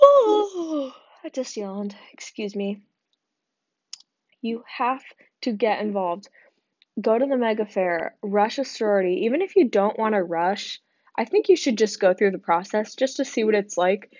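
A woman's voice: mid-range voice, expressive, normal speed, a little mellow, dry recording. A young woman hosting a podcast who gives frank, chatty advice full of fillers and sounds tired. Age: young adult. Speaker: podcast host. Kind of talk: casual advice monologue. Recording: dry, slightly dull sound.

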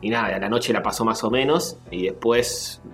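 A man's voice: fairly low pitch, normal speed, creaky, a bit bright, reverberant, faint music behind. A man with a Rioplatense Spanish accent, co-hosting a casual podcast and telling an anecdote with acted-out quotes. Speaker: podcast co-host. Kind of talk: casual storytelling chat.

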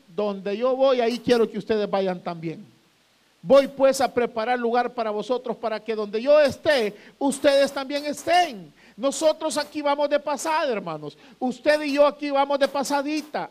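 A man, a pastor, preaching a sermon to his congregation, drawing out phrases and building to emphatic peaks. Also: very high-pitched.

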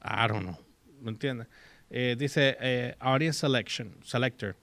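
A man's voice: medium pitch, a little slow, creaky, fairly bright tone, no room sound. A man hosting a casual chat, mixing in English words and reading English text aloud. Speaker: host.

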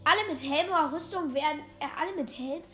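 High-voiced eager woman gamer. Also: quick pace. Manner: eager, explains with fillers. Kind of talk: casual gaming chat.

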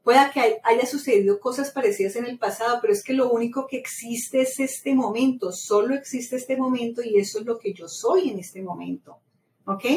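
A middle-aged woman, a podcast host from Latin America, talks casually and with lots of feeling, repeats herself often and keeps telling stories. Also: a little high. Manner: animated storytelling, many repetitions. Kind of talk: casual motivational monologue. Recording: roomy echo, mic set far off, faint ambient noise.

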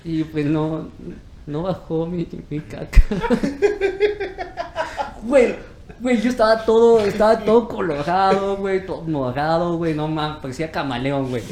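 A man's voice: a little high, moderate pace, a little mellow, echoey room. A young man with a Mexican accent, telling a crude story in casual chat, full of slang and laughing as he goes. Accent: Mexican Spanish.

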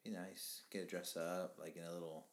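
A man's voice: sits low, level tone, brisk. A young man chatting casually with his wife for their vlog, laid-back and hesitant, with lots of fillers. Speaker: husband in a couple's vlog. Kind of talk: casual chat.

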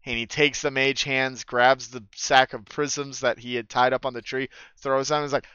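A man's voice: mid-range voice, level tone, moderate pace, bright, forceful tone, smooth, no echo, highs cut off. A man, the dungeon master, casually retelling a tabletop session, rambling with fillers and swearing freely. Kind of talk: casual storytelling chat.

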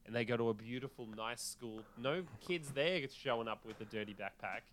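A man's voice: mid-range voice, moderate pace, a bit bright. A man co-hosting a podcast, telling stories animatedly and swearing casually. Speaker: podcast co-host. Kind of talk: casual chat.

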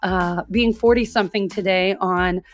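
A woman in her forties hosting her own podcast, chatting casually and directly to her listeners with a hoarse, scratchy voice from a recent illness. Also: medium pitch, steady tone, normal speed, soft background music. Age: 40s. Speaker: podcast host. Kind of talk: casual solo podcast monologue.

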